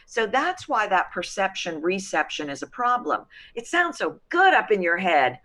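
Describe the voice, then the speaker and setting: A middle-aged woman from Texas, a voice coach, explaining her methods in an interview with an animated, emphatic manner. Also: mid-range voice, moderate pace. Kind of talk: expert guest in an interview.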